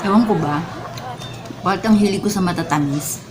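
A woman's voice: on the low side, brisk. Filipino woman chatting through a mukbang, noisy recording. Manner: talks while eating and savouring food; chatty, addresses viewers directly. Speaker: vlogger. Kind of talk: casual mukbang eating vlog, tasting sweets.

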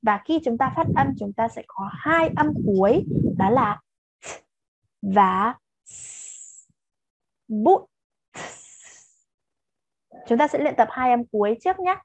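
A woman's voice: high-pitched, expressive, moderate pace, husky, no room sound. A woman with a Vietnamese accent teaching English to children, patiently mixing Vietnamese explanations with repeated English drill words. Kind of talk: slow lesson with repeated pronunciation drills.

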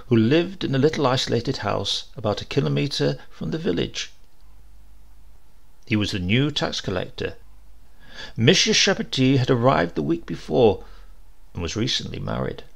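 A literary short story is read aloud by a man narrating an audiobook, with vocal fry running through his mid-range voice. He tells the tale in a measured, expressive way.

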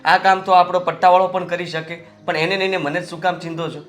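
An actor with a high male voice plays an obedient young son who works in the family office, pleading earnestly and respectfully with his father. He's a young adult who talks fast with little pitch movement, in a natural voice.

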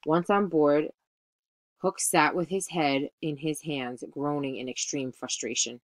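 A woman teacher reading a children's story aloud, expressive, now and then correcting a slip. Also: sits low, unhurried, no room sound. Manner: expressive, occasional self-corrections.

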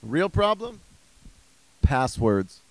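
A man's voice: medium pitch, big pitch swings, slow pace, no echo, rough recording. Exasperated ranting male stand-up comedian. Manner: exasperated, ranting rhetorical questions.

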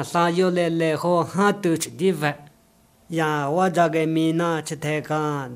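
A man with a fairly high voice delivers film dialogue in slow, unhurried phrases. He calls out his lines in an exclamatory way and keeps a measured pace throughout.

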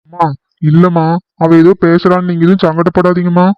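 A man's voice: sits high, completely flat delivery, a little fast, smooth, dry recording, muffled recording, natural voice. Man doing a tired, scolding village husband. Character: weary office-going village husband.

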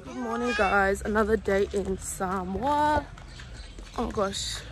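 A young adult woman chatting informally to a vlog audience in a drowsy, low-key way, on a handheld phone. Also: slow. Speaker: vlogger. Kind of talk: casual vlog chat. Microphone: phone at arm's length. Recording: noisy handheld phone recording, ambient sounds.

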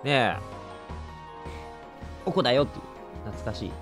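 A man with a Kansai accent giving joking, lively let's play commentary as a game streamer. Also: mid-range voice, normal speed, soft background music. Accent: Kansai Japanese. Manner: joking, exaggerated indignation, lively reactions.

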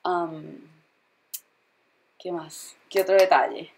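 A young woman chatting casually through a storytime vlog, retelling things in an animated way with lots of fillers. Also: lowish voice, takes it slowly. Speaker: vlogger.

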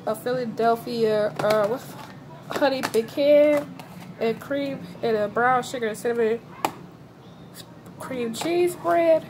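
A woman's voice: a little high, slow, pauses often, background noise. Chatty young woman listing groceries at home. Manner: casual, chatty, addresses viewers as y'all, lists items with many fillers. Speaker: vlogger showing a grocery haul. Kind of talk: casual grocery haul walkthrough. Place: home kitchen, indoors.

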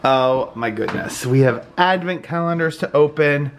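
Filming indoors at home on a handheld phone or camera at arm's length, an American vlogger in his thirties chats casually despite a cold that leaves him congested and hoarse. His voice is fairly high and animated, a little slow, with slight background noise.

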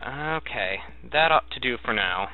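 The sound is narrow and tinny, like a phone line. A man with a mid-pitched voice talks slowly through a casual let's play. He thinks aloud in a halting way as he narrates his own game. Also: animated.

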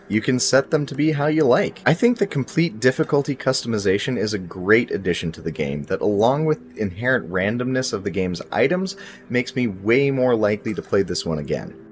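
A young man with a fairly low, animated voice delivers a scripted video game review at a brisk clip. His presentation is articulate and polished, with music playing behind him.

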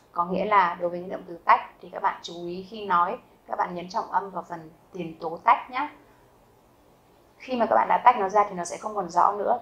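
Woman teaching German grammar calmly. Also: fairly low pitch, rough recording. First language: Vietnamese. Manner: repeats example sentences slowly and carefully; asks learners rhetorical questions. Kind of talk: explanatory grammar lesson.

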